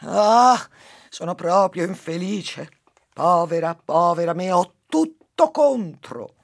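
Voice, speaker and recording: A man's voice: high-pitched, lively intonation, slow, vocal fry, pitched above the performer's own voice, heavily acted. A man voicing a frantic, self-pitying housewife from a fairy tale, wailing her complaints.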